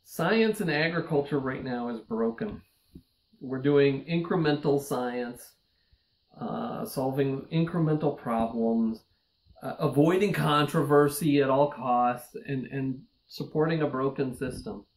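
Seated on camera in a small indoor office with bookshelves, a man in his forties who directs research at a nonprofit speaks directly to viewers in an earnest, urgent appeal that builds to emphatic pleas. His medium-pitched voice moves a little slowly, picked up on a close mic in a low-quality recording.

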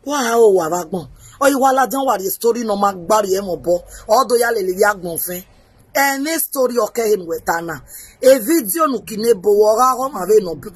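A woman hosting her own show, mocking and animated as she mixes Pidgin and English. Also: mid-range voice, fairly quick, breathy edge, no echo. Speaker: host. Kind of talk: casual commentary.

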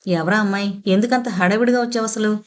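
A woman reading as a caring female friend who speaks softly and reassuringly. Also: medium pitch, fast talker, lightly acted. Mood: soothing. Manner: soft, reassuring. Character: caring gentle female friend, soothing and firm.

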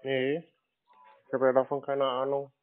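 Over muffled, narrow-band phone audio, a scam-baiting prank callee plays a clueless customer in casual conversation and keeps asking questions. His medium-pitched voice is completely flat, at normal speed.

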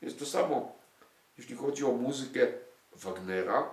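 A man's voice: mid-range voice, normal speed. An older man giving an emphatic lecture to an audience, full of rhetorical questions and indignant asides. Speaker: lecturer on music and culture. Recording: echoey room.

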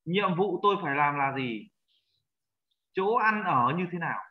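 A man leads a language lesson, patient and repetitive as he drills vocabulary. His voice sits a little high. The audio is dull and lo-fi, like an online class call. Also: expressive. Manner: patient, repeats words slowly for learners. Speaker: teacher.

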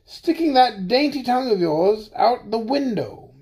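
A greedy storybook cat talks in a cool, offhand way with a sly drawl, as a woman reads her part. The voice stays mellow and unhurried, close to the reader's own. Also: fairly high pitch, lively intonation, voice pushed up.

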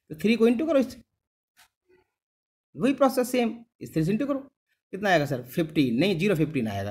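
On the high side and a little mellow, this middle-aged man's voice carries a maths class. Patient with his students, he goes over each step again, addresses them as "beta," and repeatedly asks "clear?"

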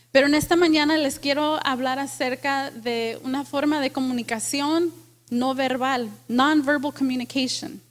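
A woman pastor with a high voice preaches a lively sermon to her congregation in a church, asking them questions and slipping in English phrases.

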